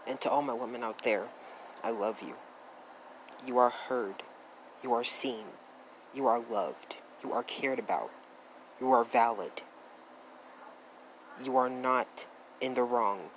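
An earnest man hosts his own vlog at a steady middle pitch, stacking emphatic affirmations one after another. He sounds as if he is holding back emotion. A clear layer of background noise runs under his voice. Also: slow pace, pauses often, low-quality recording. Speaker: vlog host. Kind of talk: earnest direct-to-camera talk.

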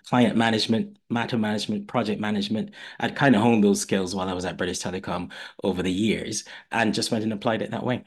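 A man's voice: lowish voice, husky. A middle-aged man who grew up in Barbados, telling his career story with energy as a podcast guest. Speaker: guest, head of legal operations. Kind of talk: podcast interview.

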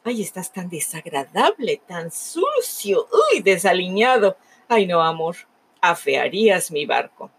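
A woman's voice: on the low side, big pitch swings, measured pace, breathy edge, full character voice. A woman voicing Vanity, a showy female emotion who speaks in an affected, disdainful way full of sighs.

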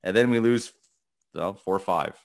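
A middle-aged man co-hosting a casual sports podcast, talking in a gravelly morning voice, rambling and halting with many restarts and fillers. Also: low voice. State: voice cracking. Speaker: podcast co-host.

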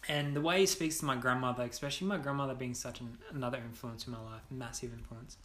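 A man's voice: mid-range voice, fairly even intonation, fast, fairly bright tone. A young man, a podcast guest, telling a personal story candidly, bluntly and with frequent swearing. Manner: blunt, swears freely, many restarts. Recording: roomy echo.

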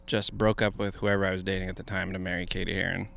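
A man's voice: sits low, level tone, fast talker, vocal fry, fairly bright tone, clear, resonant tone. A man co-hosting a podcast in a joking, casual chat outdoors, laughing often. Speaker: podcast co-host.

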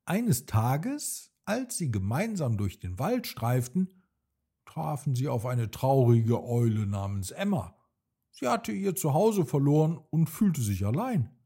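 Bedtime narrator: man, gentle, mellow, slightly husky. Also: mid-range voice, big pitch swings, slow. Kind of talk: scripted bedtime story narration.

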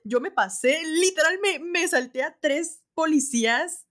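Lively young Mexican woman telling a story. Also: sits high, a little slow. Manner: animated, slangy, acts out quotes. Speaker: vlogger. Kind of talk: casual storytime.

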